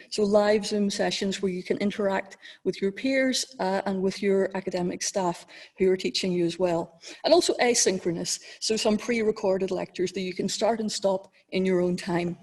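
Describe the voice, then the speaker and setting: A woman, a university director of education, explaining to new students how teaching will work, clear and explanatory with occasional ums. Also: mid-range voice, steady tone, normal speed, darkish tone. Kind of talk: informative address to new students.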